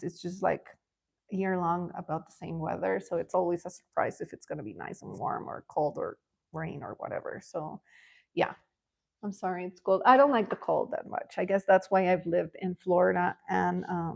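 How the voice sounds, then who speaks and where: A woman's voice: lowish voice, moderate pace, vocal fry. A middle-aged woman from Ecuador chatting casually as a livestream host, answering comments while coloring, often laughing and rambling.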